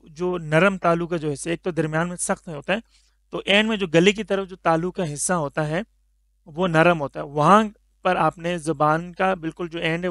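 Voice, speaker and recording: Man, Quran teacher, slow patient drawn-out letters, smooth clear voice, dry close sound. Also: fairly high pitch, a bit bright, no echo. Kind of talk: Tajweed pronunciation lesson.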